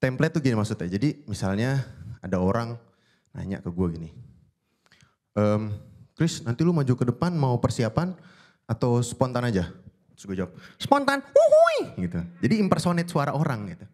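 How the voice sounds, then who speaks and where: A man's voice: medium pitch, fairly quick, pauses often. A young man performing a stand-up comedy set on stage, talking animatedly and slipping into impersonations. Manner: animated, jumps into impersonations of odd voices. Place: stage before a live audience.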